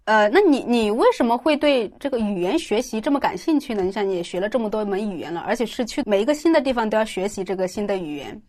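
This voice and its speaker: A woman with a medium-pitched voice works as an interviewer. She asks questions conversationally and leads her guest from one topic to the next. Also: animated, quick pace, hardly any pauses, darkish tone.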